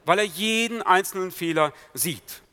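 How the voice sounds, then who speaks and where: A man preaching a sermon, swinging from loud emphatic lines to hushed, slow, near-whispered quotes. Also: sits high, smooth. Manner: dramatic swings from loud to hushed, quoting Jesus slowly.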